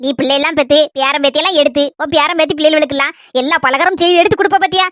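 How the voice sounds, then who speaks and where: A woman's voice: sits high, steady tone, very fast, fairly bright tone, dry recording, clean studio sound. A woman voicing a chatty, doting old village grandmother in a comedy skit, with a Kanyakumari Tamil accent and fond, rambling talk. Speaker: grandmother visiting her married granddaughter.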